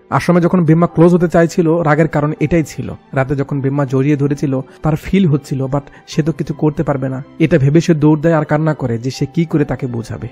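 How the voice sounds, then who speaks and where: A man's voice: fairly high pitch, warm tone, slightly rough. A man from Bangladesh narrating a film's plot in a dramatic, emotional way, with personal asides, as a close-miked voice-over. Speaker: movie recap narrator.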